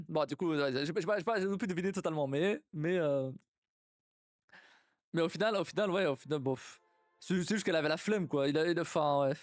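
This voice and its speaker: A young man with a slightly high voice streams casually, reacting to stories in a halting manner, repeating words and laughing often. The sound is clean, studio-like, with no echo.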